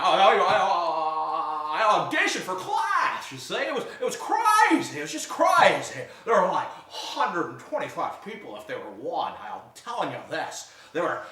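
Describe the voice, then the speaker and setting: A woman's voice: fairly low pitch, a bit bright, distant mic. A woman performing an improv scene as a folksy, stammering woman who says "golly". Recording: echoey stage from afar.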